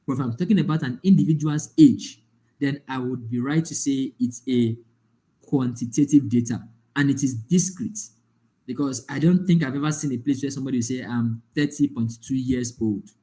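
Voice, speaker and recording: A man gives a live lecture over an online call. His voice is mellow and relaxed, and it sits at an ordinary pitch for a man. He walks through examples and keeps checking whether the class follows. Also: normal speed. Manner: explains with examples, often checks the class understands. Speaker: data analytics instructor.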